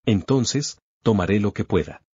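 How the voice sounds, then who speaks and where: A man's voice: lowish voice, expressive, measured pace, darkish tone, breathy edge, no room sound. A man voicing a smug, powerful young cultivator who speaks curtly and dismissively. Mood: cool. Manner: cool, curt and dismissive. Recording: slightly dull lo-fi recording.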